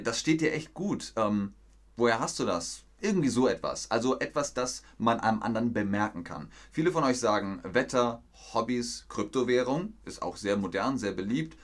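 A young man teaching a live-stream language lesson, explaining slowly and in a friendly way with example phrases. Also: on the low side.

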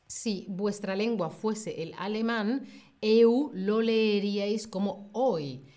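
Slow, patient teacher from Spain, female. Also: mid-range voice, dark tone. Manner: patient and encouraging, drawing out sounds for demonstration. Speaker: Spanish pronunciation teacher. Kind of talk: live online language lesson.

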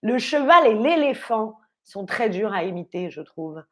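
A young woman teaching French on a livestream, speaking slowly and clearly, spelling words out letter by letter and cheering on viewers. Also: mid-range voice, very animated, a bit bright. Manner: upbeat, encouraging, quizzes viewers. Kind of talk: live online vocabulary lesson.

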